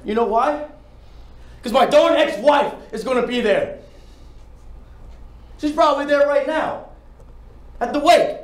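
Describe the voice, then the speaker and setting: A man's voice: a little high, expressive, measured pace, pauses often, darkish tone, echoey room. A man playing a bitter divorced man who is afraid of himself, in an anguished dramatic monologue. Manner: anguished, pleading outbursts.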